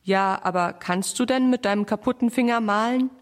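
A woman reads the part of an old grandfather, caring but brisk with the children, in a storybook read in her own everyday voice. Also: medium pitch, lightly acted. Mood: kindly. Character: kindly grandfather, caring and gruff.

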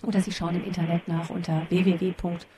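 A woman's voice: lowish voice, level tone, fast talker, background noise. A woman hosting a radio interview who speaks in a formal, courteous way. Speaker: radio show host.

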